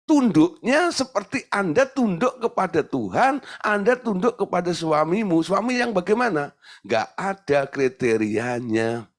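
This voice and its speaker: A man's voice: high-pitched, lively intonation, moderate pace, hardly any pauses. A male pastor preaching in a colloquial, teasing way, full of rhetorical questions to his congregation. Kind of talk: sermon.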